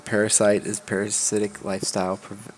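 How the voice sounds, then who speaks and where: A man's voice: on the low side, monotone, fairly quick, noisy background. A man hosting a casual game stream, laid-back, reading game text aloud with dry asides. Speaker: channel host. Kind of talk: casual gaming chat.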